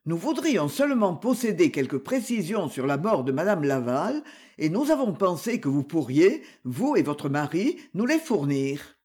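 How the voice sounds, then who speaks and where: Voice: medium pitch, big pitch swings, a little mellow, breathy edge. A reader doing a polite, probing investigator. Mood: courteous. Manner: courteous, measured questioning.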